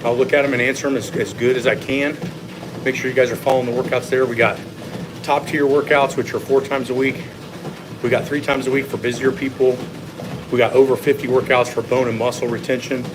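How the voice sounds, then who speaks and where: Livestreaming from a treadmill, a fitness coach fields a live Q&A, explaining points and giving his opinions to viewers in a relaxed, coaching style. His mid-range voice moves fairly quickly. The sound is clear, with steady treadmill or machine noise in the background.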